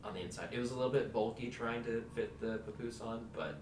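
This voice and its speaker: A man playing a tabletop game, joking and talking in halting, playful bursts. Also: mid-range voice. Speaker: player. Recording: distant mic, echoey room, noise.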